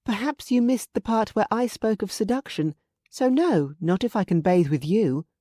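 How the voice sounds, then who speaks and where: A woman's voice: mid-range voice, lively intonation, moderate pace, warm tone, no echo, studio quality, pitched above the performer's own voice, close to an everyday voice. A woman narrator voicing a headstrong, playful young woman in a romance audiobook, bold and teasing. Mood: teasing, insistent.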